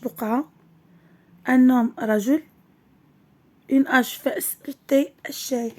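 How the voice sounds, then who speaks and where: A woman teacher, giving a slow classroom lesson. She stretches each word, repeats it, and switches between French and Arabic to explain. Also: fairly high pitch, darkish tone.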